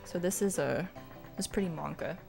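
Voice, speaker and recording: A woman's voice: lowish voice, brisk, gravelly, over music. A woman streaming a game and chatting with viewers in a rambling, self-deprecating way. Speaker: streamer and speedrunner. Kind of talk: casual livestream chat while gaming.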